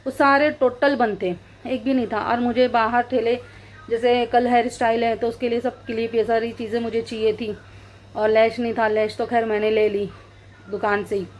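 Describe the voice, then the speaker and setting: A woman from talking casually through her day as a vlogger, chatty and lively around children. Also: fairly high pitch, moderate pace. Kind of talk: casual vlog narration. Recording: phone recording with street noise.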